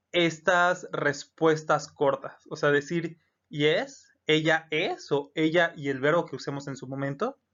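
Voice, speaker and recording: Patient teacher, higher voice, dull lo-fi sound. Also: male voice, a bit bright. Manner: patient, repeats examples with Spanish translations. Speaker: English teacher. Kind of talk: explaining grammar to students. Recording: dull lo-fi recording.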